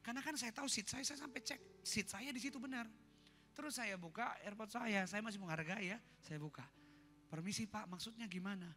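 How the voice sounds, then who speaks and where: A man with an Indonesian accent preaching a sermon, telling a story to his congregation in a lively way. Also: sits high. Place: church hall. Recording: reverberant church hall with music.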